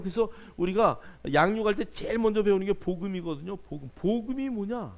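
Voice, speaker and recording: A man's voice: sits high, gravelly. A male pastor preaching a sermon in church, joking with the congregation and urging them on. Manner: playful, jokes with the congregation; exhorting, calls out to the congregation.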